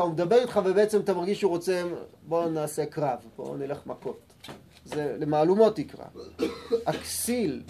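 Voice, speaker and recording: Man with a dark voice teaching Torah. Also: sits high, a little hiss or hum. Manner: explains calmly, reads sources slowly, then acts out quarrels with sudden loud bursts. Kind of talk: Torah lesson.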